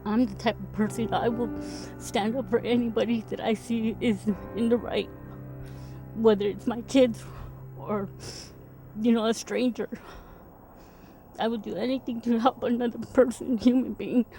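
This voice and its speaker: A woman's voice: fairly high pitch, fairly even intonation, normal speed, long pauses, mellow, soft background music. A woman, a mother being interviewed, speaking earnestly and pleadingly, often repeating herself. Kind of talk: emotional interview testimony.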